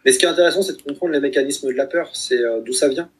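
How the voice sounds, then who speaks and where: A man in his thirties with a husky, slightly breathy voice talks through his thoughts in a relaxed conversation. He hesitates often, filling gaps and restarting sentences as he goes. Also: medium pitch, racing. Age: 30s. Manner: hesitant, many fillers and restarts. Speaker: guest, author of a book project. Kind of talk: reflective conversational talk.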